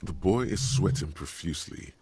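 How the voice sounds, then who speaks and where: A man's voice: deep voice, moderate pace, darkish tone, slightly rough, pitched above the performer's own voice, full character voice. A man voicing a solemn game narrator with a grave, dryly mocking delivery. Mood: wry. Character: deep solemn male game narrator, wry.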